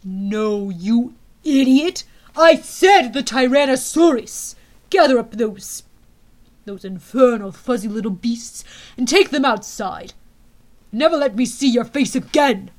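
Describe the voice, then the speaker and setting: Woman voicing a cold villain general, slow, booming, lower than her own voice, menacing. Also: close to an everyday voice. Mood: furious.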